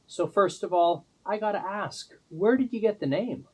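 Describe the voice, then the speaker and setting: A man's voice: high-pitched, moderate pace, breathy edge. A man interviewing a guest, overly polite and mock-earnest.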